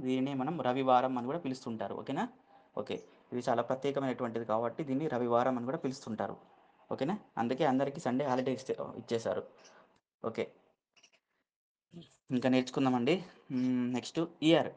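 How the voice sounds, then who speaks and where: Man, English teacher, slow letter-by-letter spelling, patient check-ins. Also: medium pitch, a little mellow. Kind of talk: vocabulary lesson, spelling out words.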